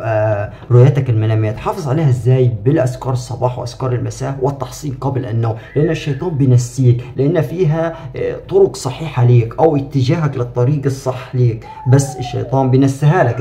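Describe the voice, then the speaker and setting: Male spiritual reader, quick and reassuring, repetitive, roomy recording. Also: mid-range voice, mellow, a little hiss or hum. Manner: repetitive, reassuring, drawn-out "aah" fillers. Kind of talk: spiritual reading monologue.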